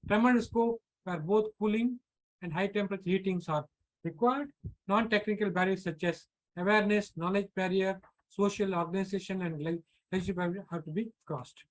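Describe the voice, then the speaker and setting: High-voiced Indian-accented male lecturer. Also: poor audio. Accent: Indian English. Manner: halting, repeats words, many fillers. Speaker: professor presenting a workshop lecture. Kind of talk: online lecture. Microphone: computer mic on a video call.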